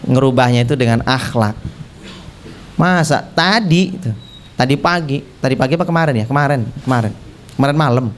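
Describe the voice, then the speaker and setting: A man's voice: medium pitch, brisk, a little hiss or hum. A male Islamic preacher giving a humorous, conversational religious lecture, explaining step by step with playful asides. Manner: acts out dialogues with playful asides.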